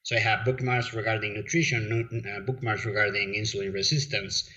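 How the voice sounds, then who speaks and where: Low, bright-voiced man, lo-fi audio. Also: fairly even intonation, fairly quick. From Mexico. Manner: rambling, frequent fillers and restarts. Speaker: podcast guest. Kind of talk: casual interview talk. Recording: dull lo-fi audio.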